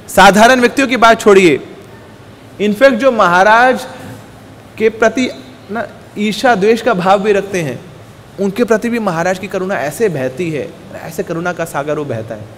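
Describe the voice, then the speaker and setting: High-voiced man telling devotional stories in a hall. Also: moderate pace, slight background noise. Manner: animated storytelling, acting out the guru's quoted words, mixing Hindi and English. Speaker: temple speaker. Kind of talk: devotional storytelling talk.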